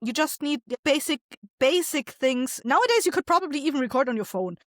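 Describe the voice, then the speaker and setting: A woman who makes audio dramas chats casually as a podcast guest, her high-pitched voice animated and fairly quick. The studio-quality recording has no room sound, and she comes across as plain-spoken, informal and encouraging.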